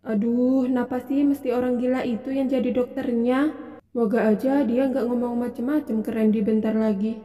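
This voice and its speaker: A woman's voice: high voice, moderate pace, warm tone, natural voice. A woman voicing an irritable, defensive young wife in a cartoon, snapping and muttering asides. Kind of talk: amateur cartoon voice acting. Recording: dull lo-fi recording.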